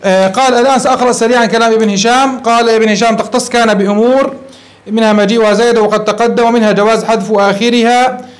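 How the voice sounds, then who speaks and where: High-pitched guy w/ teaching grammar, talks fast, keeps asking the class questions. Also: fairly even intonation. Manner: explains step by step, asks students questions and answers them. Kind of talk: classroom lecture.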